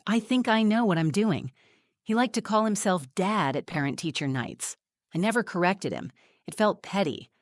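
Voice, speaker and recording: Calm low-voiced woman narrating a story. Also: no room sound, clean studio sound. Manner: measured, reflective storytelling. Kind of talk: scripted first-person narration.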